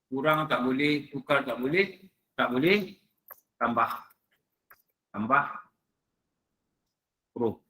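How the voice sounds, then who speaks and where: A man's voice: medium pitch, slow pace, pauses often, bright, forceful tone. A man teaching prayer recitation in a mosque lecture, drilling rules in short emphatic phrases and quizzing his listeners with rhetorical questions. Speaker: religious teacher. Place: prayer hall.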